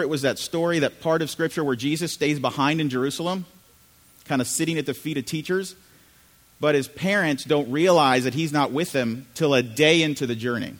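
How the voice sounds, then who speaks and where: Man preaching a sermon in a reverberant hall. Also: on the high side. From Chile. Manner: conversational, asks the congregation questions. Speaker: pastor. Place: church sanctuary.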